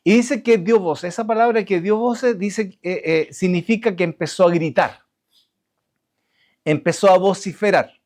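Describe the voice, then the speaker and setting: A man preaching a sermon to his congregation, halting with restarts and asking rhetorical questions. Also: sits high, darkish tone. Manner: halting, many restarts and fillers. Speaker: pastor.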